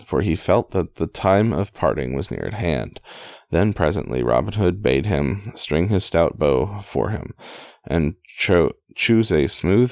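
Very deep, gravelly man reading aloud. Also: a little mellow, dry recording, clean studio sound. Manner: halting reading with restarts and offhand asides. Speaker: amateur reader. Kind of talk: casual read-aloud storytelling.

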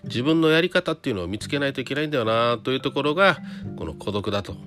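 A man's voice: medium pitch, animated, quick pace, a bit bright. A man giving a casual solo monologue to viewers, chatty and full of rhetorical questions and little tag fillers. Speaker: trader talking to viewers. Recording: guitar music under the voice.

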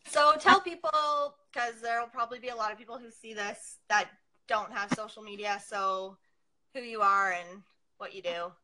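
A woman's voice: mid-range voice, normal speed, sharp tone, poor audio. A young woman hosting a casual chat over a video call, with a playful manner. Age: young adult. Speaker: host, interviewer.

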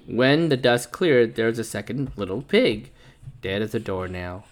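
A man reading a picture book aloud to his child, telling it playfully in a wolf narrator's voice and pausing to chat with the child. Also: on the low side, lively intonation. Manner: playful storyteller voicing the wolf narrator, chatting with his child between pages.

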